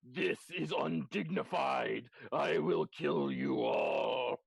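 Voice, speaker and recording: A game master putting on a booming evil pie monster. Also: very animated, vocal fry, crowd noise, full character voice. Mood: indignant. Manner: slow, booming, menacing. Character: booming giant evil talking pie, male, pompous.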